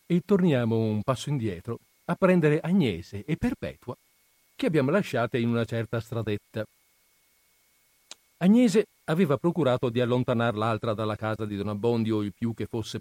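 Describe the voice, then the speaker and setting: A man giving an expressive, dramatic reading of a classic novel. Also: medium pitch, no room sound. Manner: dramatic, animated storytelling. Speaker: reader.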